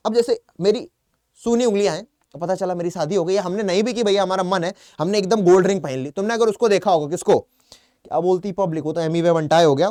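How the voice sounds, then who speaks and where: A young man teaches an online English vocabulary class in a chatty Hindi-accented voice that sits high. He keeps asking his own questions and answering them, and calls his students "beta". The sound is dry and close. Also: a little mellow, no echo. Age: young adult. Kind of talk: online exam-prep class.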